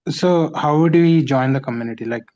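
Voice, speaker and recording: A man's voice: mid-range voice, a little fast, warm tone. Man, student, polite, hesitant, lo-fi call audio. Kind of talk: asking a question in class. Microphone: video call.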